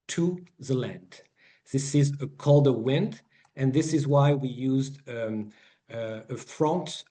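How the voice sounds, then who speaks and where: A man with a French accent leads an online lesson, speaking slowly and patiently through each step. His voice is mellow and dark, mid-pitched, with frequent pauses, fillers and restarts as he explains, heard through a computer mic. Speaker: sailing weather instructor.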